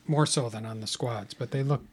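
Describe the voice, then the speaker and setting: A man with a husky voice, chatting casually as a podcast co-host. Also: mid-range voice, moderate pace. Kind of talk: casual chat.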